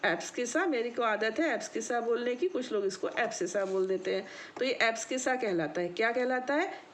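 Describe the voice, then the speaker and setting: A woman's voice: a little high, animated, fairly quick, slight background noise. A woman teaching a maths lesson in a patient, explaining way, often checking whether her students have understood and calling them child. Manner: addresses students affectionately as child. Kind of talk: classroom explanation.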